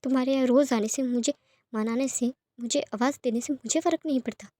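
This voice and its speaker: A woman's voice: high-pitched, fairly even intonation, fairly quick, mellow, no room sound, lightly acted. A woman voicing a stubborn, hot-tempered young man who argues and pleads, read out in a storybook narration. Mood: anguished. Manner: pleading and defiant inner monologue.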